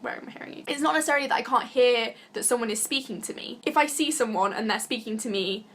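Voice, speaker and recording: A woman's voice: fairly high pitch, fast, a little hiss or hum. A young woman from Britain chatting casually to camera as a vlogger, giggly and full of fillers. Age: young adult. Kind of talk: casual vlog talk to camera.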